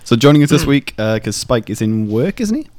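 Man, mid pitch, podcast co-host, teasing, jokey. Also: very animated, brisk, a little mellow. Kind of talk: casual podcast chat.

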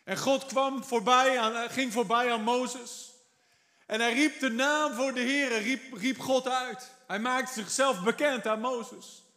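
A man with a high-pitched voice delivers a fervent sermon. He swings from quiet asides to drawn-out, emphatic lines. A long hall reverb trails each phrase. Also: fairly even intonation. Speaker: preacher.

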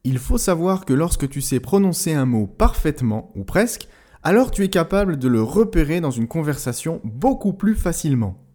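A man hosting a language-learning podcast, explaining pronunciation tips in a clear, didactic way, slowing down to model words. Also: a little high, sing-song, warm tone. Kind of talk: scripted educational narration.

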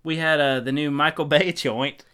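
A man's voice: a little high, fairly even intonation, moderate pace, bright, forceful tone, clear, resonant tone. A man co-hosting a film podcast, chatting casually in an upbeat, jokey way as he runs through box office news. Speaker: podcast co-host.

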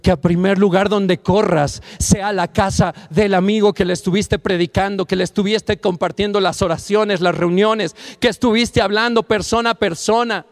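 A man preaching a sermon, speaking straight to the listener and building to passionate near-shouts on key phrases. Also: high-pitched, fairly even intonation, moderate pace, few pauses.

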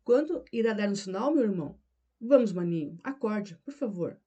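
A woman's voice: mid-range voice, expressive, normal speed, warm tone, husky, dull audio. A woman reading the lines of a conflicted young wife in an audiobook, defensive and pleading. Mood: tender.

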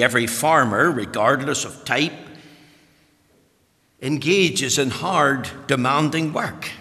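A Northern Irish man preaches an evangelical sermon in a slightly high, bright and forceful voice, speaking emphatically and repeating phrases for weight. The recording is in an echoey hall with a long reverb.

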